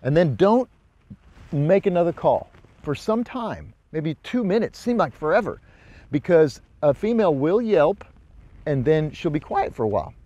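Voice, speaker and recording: A man with a fairly high-pitched voice teaches in a casual, hands-on way. He explains things step by step in informal, folksy language, speaking outdoors like an instructor showing his gear. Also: big pitch swings, normal speed, mellow, dry recording, muffled recording. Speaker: hunting instructor, presenter. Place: outdoors in brush by a ravine.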